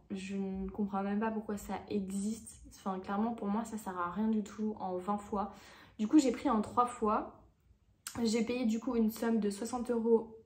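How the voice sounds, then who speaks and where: A woman's voice: mid-range voice, a little mellow. A young woman from France chatting casually as she unboxes a new camera, rambling with many fillers. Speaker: vlogger.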